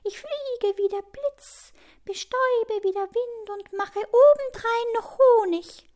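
A woman voicing a boastful little female bee in a storybook reading, in a very high, bragging voice. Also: slow, darkish tone.

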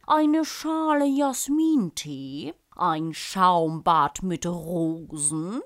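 A woman's voice: fairly high pitch, big pitch swings, drawn-out words, fairly bright tone, full character voice. Woman voicing eager royal servants. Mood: eager offering. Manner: eager, offering suggestions, stretched-out words. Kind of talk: storybook read-aloud.

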